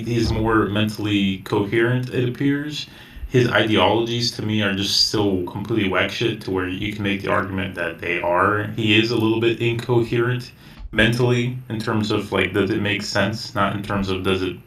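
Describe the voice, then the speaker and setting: A man's voice: on the low side, steady tone, normal speed, a bit bright. A man from the United States chatting casually about politics in an informal, occasionally sweary way. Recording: roomy echo, distant from mic.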